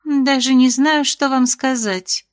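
Woman reading nervous fairy headmistress, evasive, dismissive, soothing, higher-pitched voice. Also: fairly even intonation, slow. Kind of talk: audiobook character reading.

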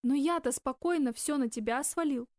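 A woman voicing a tender, remorseful young man who speaks quietly and slowly in an audiobook. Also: high-pitched, no room sound, clean studio sound, close to an everyday voice. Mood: self-reproachful. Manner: quiet, slow, guarded.

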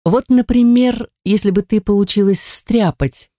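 A woman voicing a calm, wise mother of four daughters, speaking gently and instructively in a storybook reading. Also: medium pitch, unhurried, no room sound, clean studio sound, pitched above the performer's own voice, close to an everyday voice.

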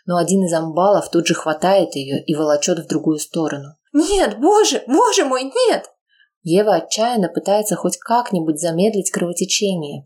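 A woman reading a tense audiobook aloud in a steady, dramatic narration. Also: low voice, breathy edge.

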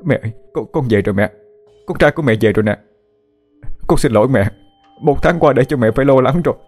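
A man's voice: sits low, steady tone, fairly quick, soft background music, natural voice. A man voicing a young man home from the jungle, talking to his mother and cousin in a choked, emotional way. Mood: tearful. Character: young man back from jungle, weeping with relief.

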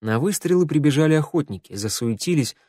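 A man reading a dark fantasy audiobook in a measured, dramatic narration. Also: fairly high pitch, animated, no room sound, studio quality. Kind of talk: scripted narration.

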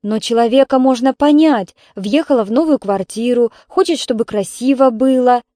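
A woman's voice: a little high, normal speed, dark tone, no room sound, clean studio sound, voice pushed up, lightly acted. A woman voicing a good-natured, gossiping neighbor aunt. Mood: reporting.

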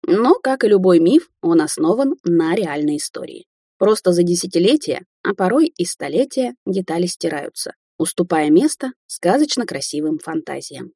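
A woman's voice: fairly low pitch, very animated, normal speed, slightly rough, dry recording, exaggerated voice. Woman voicing a dry, grating old crone. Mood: lecturing. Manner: scolding, sharp-tongued. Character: tiny ancient grumpy old woman forest sage. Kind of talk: audiobook character reading.

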